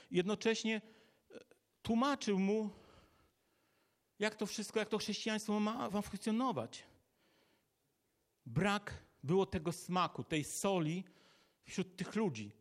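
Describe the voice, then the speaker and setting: High-voiced man preaching conversationally. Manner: conversational, addresses listeners directly with rhetorical questions; acts out imagined dialogue. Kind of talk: sermon.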